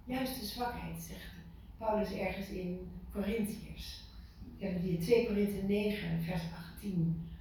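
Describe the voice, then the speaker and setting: A woman giving an informal sermon to a small group, lively and full of questions to her listeners, repeating words for emphasis. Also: mid-range voice, a little slow. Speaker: preacher. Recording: echoey room from far off, faint noise.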